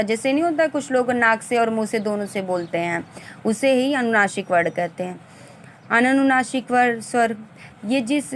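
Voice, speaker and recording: Female tutor, slightly high voice, methodical exam-prep lesson delivery, faint background noise. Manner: explains step by step, sounding out vowels and examples; restarts and corrects herself mid-phrase. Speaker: teacher.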